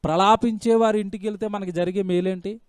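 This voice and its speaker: A man's voice: high-pitched, fairly even intonation, a little fast, smooth, dry recording, clean studio sound. A man preaching a sermon, driving points home with repeated phrases and rhetorical questions. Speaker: pastor.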